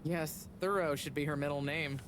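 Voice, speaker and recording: An actress voicing Bridget, a friendly, talkative energy consultant who chats in a breezy, upbeat way. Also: female voice, low-pitched, steady tone, normal speed, natural voice. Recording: game audio with ambient noise.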